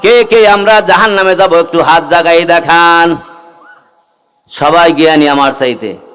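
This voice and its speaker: Preaching an Islamic waz sermon with a Bangladeshi accent, this man exhorts the gathering, calls for their responses, and breaks into melodic chanting of verses and rhymes. His voice sits on the high side, fairly bright, clear and resonant, at a measured pace.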